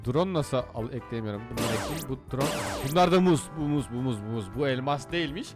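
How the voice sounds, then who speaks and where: A man commentating as he plays computer games, excitable and jokey, often shouting at the game. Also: mid-range voice, a little fast, over music. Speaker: gaming YouTuber. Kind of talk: let's play commentary.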